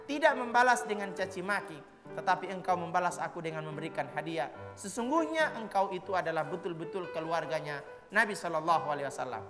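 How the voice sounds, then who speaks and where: A woman voicing a Bedouin man from a village, quoted in a calm storytelling voice during a children's religious lesson. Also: lowish voice, pitched below the performer's own voice, lightly acted. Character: angry Bedouin man, later humbled. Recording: echoey hall with music behind.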